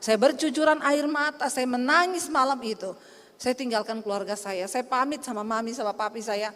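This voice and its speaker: Woman pastor preaching, high voice, keeps calling out to the crowd, echoey church hall. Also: normal speed, a bit bright. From Indonesia. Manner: emphatic, calls out to congregation. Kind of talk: sermon with personal testimony.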